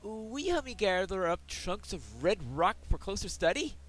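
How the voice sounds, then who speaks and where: A man voicing a hearty, gruff dwarf prospector in a fantasy game, declaiming in old-fashioned wording. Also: high voice, sing-song, normal speed, fairly bright tone, pitched above the performer's own voice, heavily acted. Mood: hearty, eager. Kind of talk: reading fantasy game quest dialogue.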